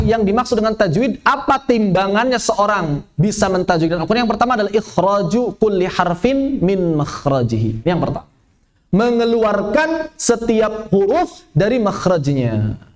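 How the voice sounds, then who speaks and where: A man teaching a lively spoken lesson, asking and answering his own questions. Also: sits high. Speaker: Quran recitation teacher. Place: event hall, live workshop.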